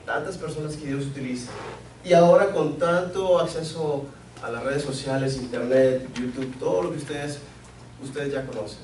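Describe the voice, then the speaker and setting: A Mexican pastor delivers an earnest sermon, stressing key phrases through repetition, in a mid-range, darkish voice at normal speed with fairly even intonation. The distant mic in the echoey church sanctuary picks up slight background noise.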